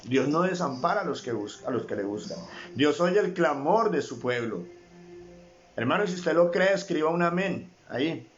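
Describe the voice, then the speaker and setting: Colombian pastor guy preaching on a livestream, fairly high voice, muffled dull audio, keeps repeating words. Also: expressive, normal speed, soft background music. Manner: fervent preaching, repeats words for emphasis, addresses listeners as brother. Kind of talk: sermon on a Facebook Live stream.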